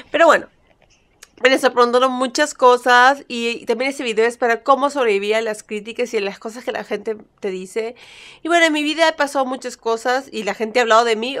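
A young woman from Peru talks straight to camera in a playful, chatty way, her Spanish carrying a Peruvian accent with a few Mexican touches. Her voice sits a little high and sounds smooth and clear. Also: a bit bright. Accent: Peruvian Spanish with some Mexican touches. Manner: chatty, playful, answering critics with mock sweetness. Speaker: vlogger. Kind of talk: casual chat to camera.

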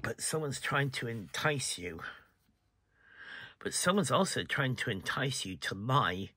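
A man's voice: mid-range voice, lively intonation, unhurried, bright, forceful tone, husky. A man giving a casual tarot reading, chatty, sometimes dropping to a whisper and apologizing for yawning. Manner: chatty, breaks off to yawn and apologize. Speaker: tarot reader.

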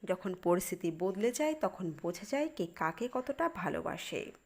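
A woman's voice: on the low side, very animated, normal speed, vocal fry. A woman reading out a magazine-style interview as scripted narration, voicing both the questions and the answers herself. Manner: reads questions and answers aloud in one voice.

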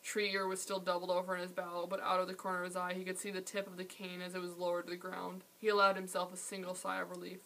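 Bright-voiced woman reading a chapter book. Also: lowish voice, monotone, fast talker, hardly any pauses, rough recording. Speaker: library read-aloud host.

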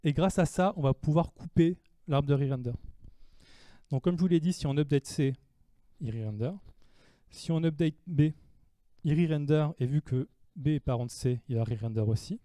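A man speaking at a developer meetup, walking the audience through code in French. His voice is very dark and mellow, with pitch a little above the usual, and the sound is close and dry. He poses questions and answers them himself. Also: normal speed, dry recording. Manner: explanatory, asks and answers his own questions. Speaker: conference speaker. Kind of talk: technical talk on stage. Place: meetup room before an audience.

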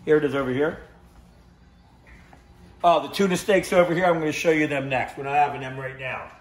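A home cooking vlogger in his fifties films himself on a handheld phone, first in his indoor kitchen and then at a grill on an outdoor deck. His fairly high voice is brisk, with slight background noise, as he enthusiastically raves about fresh ingredients, sniffs and tastes the food, and repeats his catchphrases.

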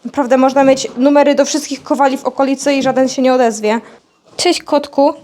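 A woman's voice: high-pitched, steady tone, fairly quick, darkish tone. A young woman vlogging outdoors on a farmyard, chatting casually to her animals and playfully scolding them.

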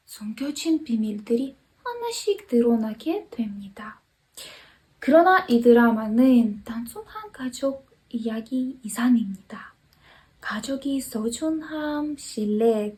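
A woman's voice: a little high, mellow. A young woman from Ukraine with a Ukrainian accent delivers a prepared contest speech in a formal, careful, phrase-by-phrase way.

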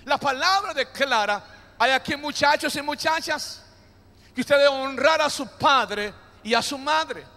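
Long hall reverb surrounds this man's extremely high, pushed, bright voice as he preaches at a measured pace. He's the pastor, joking playfully with the congregation in the church hall and having them repeat his words back.

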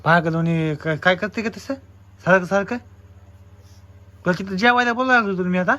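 A young man speaks, and his voice sits high and bright. He coaxes gently, asking the same questions over and over. It is casual home-vlog talk. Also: a little fast, highs cut off. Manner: gently coaxing, asks again and again. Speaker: husband and vlogger.

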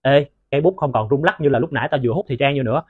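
A man playing an earnest student ghost hunter who coaxes a spirit to move on, speaking in a rapid, coaxing way. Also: medium pitch, husky, no room sound, natural voice. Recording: tinny phone-like recording.

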